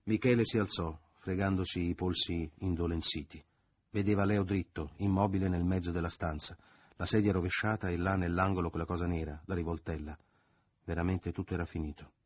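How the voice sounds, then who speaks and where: A man reading a novel aloud as an audiobook, in measured and dramatic narration that at times sinks quiet. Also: low-pitched, steady tone, husky, no echo. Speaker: audiobook reader.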